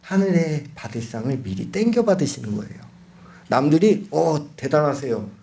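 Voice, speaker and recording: A man preaching a sermon to his congregation, swinging between loud cries and hushed lines and asking them direct questions. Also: fairly high pitch, big pitch swings, normal speed, a little hiss or hum.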